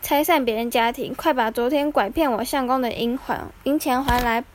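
A woman's voice: a little high, brisk, a little hiss or hum, close to an everyday voice. Bai Suzhen, a woman voicing the snake spirit wife. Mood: angry. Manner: earnest, turns sharp and scolding when crossed.

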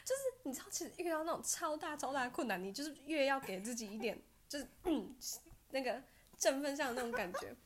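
A young woman, a podcast guest telling funny stories of her bad luck in a casual, animated chat. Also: high-pitched, fast, slight background noise. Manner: animated storytelling, bursts of laughter and loud self-cheers.

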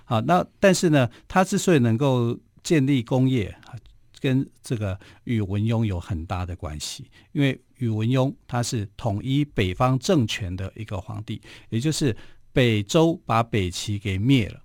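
A man's voice: mid-range voice, lively intonation, normal speed, a little mellow, dry recording. A man with a Taiwanese Mandarin accent hosting a radio history show, telling stories casually with many filler particles, recorded in a studio. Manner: chatty, frequent filler particles.

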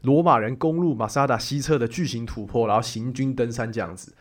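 A man's voice: mid-range voice, brisk, no echo. A man with a Taiwanese Mandarin accent telling travel stories in a casual, conversational chat. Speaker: podcast host.

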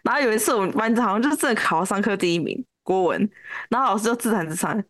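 A woman's voice: mid-range voice, animated, quick pace, fairly bright tone, no room sound, clean studio sound. A woman with a Taiwanese Mandarin accent, co-hosting a podcast and recalling school days in a rambling, easygoing chat full of fillers. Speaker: podcast co-host. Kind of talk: casual storytelling chat.

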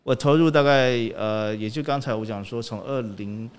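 A man, chatting as an interview guest, halting and often repeating short affirmations, dropping in English words. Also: medium pitch, clean tone. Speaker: sound director guest. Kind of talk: casual interview chat.

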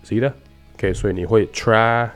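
Low, gravelly man, patient teacher drawing out example words, faint music underneath. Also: mellow. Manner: patient, explanatory, drawn-out demonstrations. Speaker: English pronunciation teacher. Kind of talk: radio-style English lesson.

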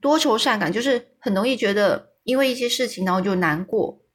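A woman reading a children's storybook aloud, pausing to explain hard words and adding small fillers. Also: mid-range voice.

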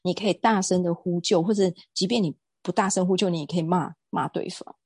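A woman's voice: on the low side, steady tone, fast talker, a little mellow, husky, no echo. A woman, a guest speaking earnestly in a casual interview and telling stories with emphasis and some hesitation. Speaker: guest speaker on sexual assault prevention.

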